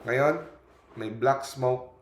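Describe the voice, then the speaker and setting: A man's voice: medium pitch, drawn-out words, a little hiss or hum. A man preaching a storytelling sermon, retelling scenes in quoted lines and often adding a questioning "no?". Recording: echoey room.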